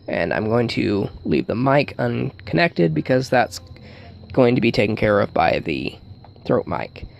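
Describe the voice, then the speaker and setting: A man giving a casual hands-on tutorial, thinking aloud in a halting way as he works, with wry humour. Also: mid-range voice, sing-song, gravelly, muffled recording. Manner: thinks aloud while working, halting, wryly joking. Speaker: hobbyist demonstrating an electronics hack.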